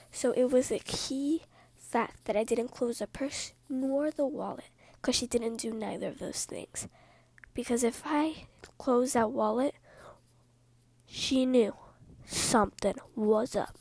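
High soft-whispering woman telling a story. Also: dry recording. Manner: soft whispering with rambling asides; slow, hushed delivery.

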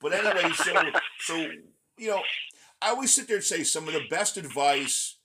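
A male podcast host chats loosely, his voice still scratchy as he recovers from laryngitis. He rambles and restarts his sentences often. A clear hiss of noise sits under the recording. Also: on the high side, animated, normal speed. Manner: rambling, many restarts, laughs easily. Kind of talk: casual interview chat.

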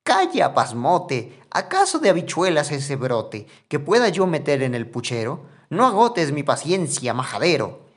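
A man voicing a shrill, furious mother who scolds her son in a rhymed storybook. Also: wildly swooping pitch, unhurried, exaggerated voice. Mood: scolding. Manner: shrieking, scolding.

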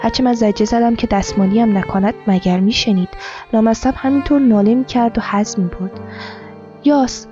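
A woman author reading her own literary story, narrating in a quiet, measured first-person voice. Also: fairly high pitch. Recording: dull lo-fi with soft music.

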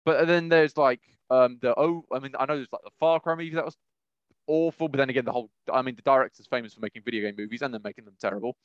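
This film-chat podcast features a man with a smooth, mid-range voice who talks fast, rambling with strong opinions and repeating phrases for emphasis. The recording is dry and the audio sounds dull.

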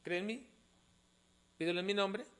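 A man preaching a sermon, calling his listeners brothers and moving between quiet explanation and emphatic appeals. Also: high-pitched, normal speed. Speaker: pastor.

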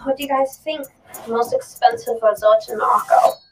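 Actress as an eager, higher-voiced young schemer. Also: female voice, fairly quick, a little hiss or hum, lightly acted. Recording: film trailer audio, distant, music behind.

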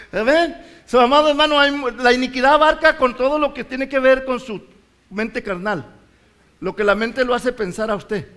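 High-voiced impassioned male preacher. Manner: impassioned, rises to shouts and drops low. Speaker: pastor. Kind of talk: sermon.

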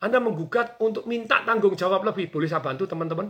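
Bright, high-voiced energetic man. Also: quick pace. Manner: energetic, acts out quoted bosses and workers. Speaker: business coach guest. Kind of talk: animated radio talk.

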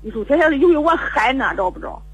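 A woman's voice: sits high, animated, very fast, poor audio. An older woman calling in to a radio show, telling a long story in a rambling, repetitive way with stammering restarts. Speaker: caller. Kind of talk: call-in radio chat. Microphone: phone call.

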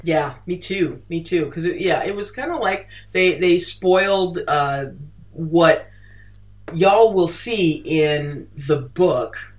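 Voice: mid-range voice, slow pace. A podcast host in casual book-club chat, hesitant, with many "uh"s and repeated words.

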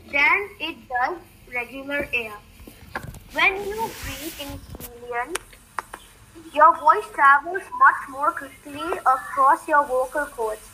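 A woman with a high, bright voice hosts an educational science series for children. She reads scripted explanations aloud with care, setting out each point as a lesson. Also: rough recording.

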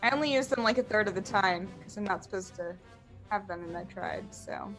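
A woman's voice: medium pitch, a little fast, fairly bright tone, soft background music. A woman playing a tabletop game, unsure of her spells, apologetic and giggly. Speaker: player. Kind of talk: casual tabletop play.

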